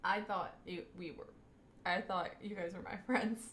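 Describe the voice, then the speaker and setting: A young streamer with a Southern US accent chats casually with her live audience, often laughing mid-sentence. Her lowish voice is steady and fairly bright at normal speed, recorded in an echoey room with a little hiss or hum.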